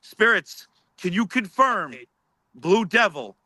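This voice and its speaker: High, bright man calling out to spirits. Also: sing-song, slow, no echo. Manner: repeats questions aloud to spirits, reports faint sounds he hears. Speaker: paranormal show host questioning spirits. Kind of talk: live-streamed spirit session chat.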